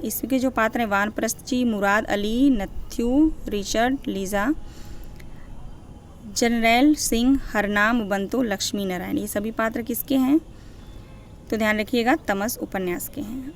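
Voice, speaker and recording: Higher-pitched woman teacher reading name lists. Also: a little hiss or hum. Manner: reads off lists of names, checks in with "ठीक है ना"; corrects herself mid-list. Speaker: Hindi literature teacher. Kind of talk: exam-prep lecture.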